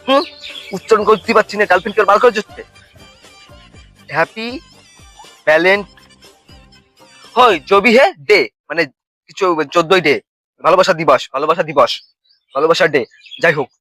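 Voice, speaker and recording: A man's voice: high voice, fairly quick, pauses often, pushed and bright, faint music behind. A young man with a Bengali accent who rambles through a comic monologue, fumbling his words and slipping into sing-song lines and mock wailing. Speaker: comedy vlogger.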